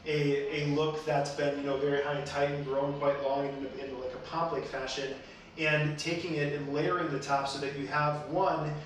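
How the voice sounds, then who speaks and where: A man's voice: a little high, little pitch movement, moderate pace. A man hosting a casual advice talk as a hairstylist, explaining things in a conversational, roundabout way. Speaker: hairstylist and show host. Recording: very echoey room, distant mic, faint noise.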